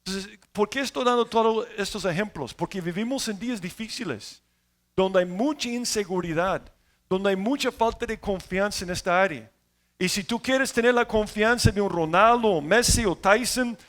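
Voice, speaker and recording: A man preaching a sermon as pastor, telling stories and swinging between loud emphasis and quiet asides. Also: sits high.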